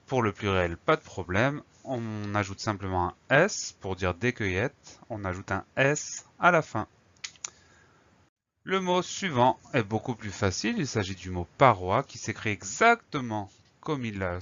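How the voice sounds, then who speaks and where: Low-voiced man spelling words for kids. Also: fairly bright tone, highs cut off. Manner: patient, spells words letter by letter. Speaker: primary school teacher. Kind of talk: spelling lesson for children.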